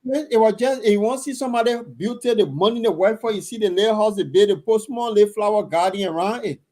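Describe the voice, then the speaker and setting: A middle-aged man with a Liberian English accent speaks in a fairly high, mellow voice. He talks casually and bluntly, leaning on personal stories to make his point in a relaxed discussion. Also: fast talker. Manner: anecdotal, blunt storytelling.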